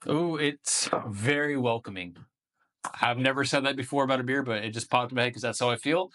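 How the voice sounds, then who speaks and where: A man's voice: medium pitch, brisk, a bit bright. A man hosting a casual beer-tasting review video, talking in a laid-back, profane, slangy way.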